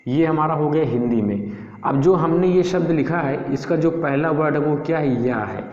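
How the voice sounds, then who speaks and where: A male teacher walks through a grammar lesson, posing questions and answering them himself. His voice sits a little high for a man. The recording is dull and lo-fi, with a long echo from the room. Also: a little mellow. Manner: slow, repetitive explaining. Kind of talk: Hindi-medium English grammar lesson. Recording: echoey room, dull lo-fi sound.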